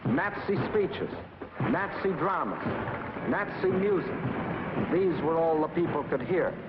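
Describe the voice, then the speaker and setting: On an old, very noisy film soundtrack with the highs cut off, an American documentary narrator reads scripted 1940s propaganda narration. His fairly high voice has lively intonation and an unhurried pace, delivered dramatically and emphatically in clipped phrases.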